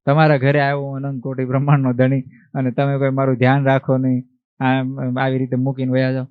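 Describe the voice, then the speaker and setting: A man's voice: mid-range voice, completely flat delivery, fairly quick, smooth, no echo, phone-quality sound, close to an everyday voice. A man voicing a playful divine boy who complains that no one is watching him. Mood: complaining.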